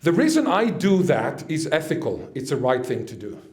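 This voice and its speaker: A man who grew up in Israel lectures at a conference in a roomy-sounding hall, chatty and full of jokes and asides for the audience. His darkish voice sits on the high side and swoops wildly in pitch at a moderate pace.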